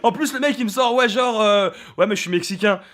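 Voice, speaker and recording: A young man from France telling casual vlog stories in a hotel room, animated and swearing freely as he acts out the people he quotes. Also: sits high, a little fast. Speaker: gaming vlogger.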